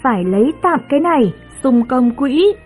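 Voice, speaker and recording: A woman voicing a hot-tempered young bride in a storybook reading, scolding in a sharp, bossy way. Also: sits high, big pitch swings, normal speed, breathy edge, faint music behind, full character voice.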